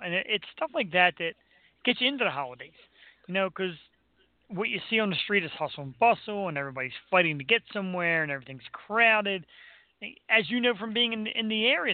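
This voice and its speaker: A high-voiced American man hosts a casual talk show, rambling in a chatty way with playful bragging. The recording is dry, somewhat muffled, and has no room sound.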